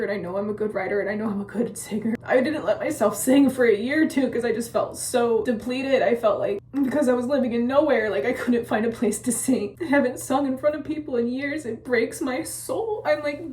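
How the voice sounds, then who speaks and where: A woman's voice: mid-range voice, a little mellow. A woman talking earnestly and emotionally to camera in a casual personal vlog, encouraging herself as she goes. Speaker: aspiring actor and writer vlogger. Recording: roomy echo, mic set far off.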